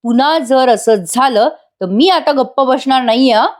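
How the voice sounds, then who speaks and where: A woman's voice: sits high, moderate pace, voice pushed up, natural voice. A woman voicing an angry young husband who scolds and warns his wife, read as part of a voice-over review. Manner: scolding, warning. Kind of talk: voice-over review re-enacting serial dialogue.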